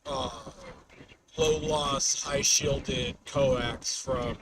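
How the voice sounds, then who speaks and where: A man's voice: medium pitch, steady tone, extremely slow. A man livestreaming as a storm chaser from a moving car, chatting casually and off the cuff, often trailing off mid-thought. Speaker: storm chaser live streamer. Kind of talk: casual unscripted livestream chat while driving. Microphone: webcam microphone in car. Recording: noisy car, distant webcam mic.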